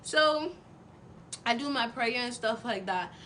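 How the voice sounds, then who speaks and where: A woman's voice: a little high, slow, slight background noise. A young woman telling a personal story in a casual, chatty vlog, full of fillers. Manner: chatty and animated, with many fillers. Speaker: vlogger.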